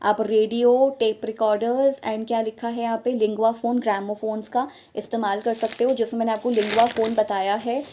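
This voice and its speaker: A woman's voice: fairly high pitch, level tone, moderate pace, few pauses, dark tone, a little hiss or hum. A young adult woman tutoring for teaching exams, explaining step by step in a spoken lesson, often repeating her points and slipping in English phrases.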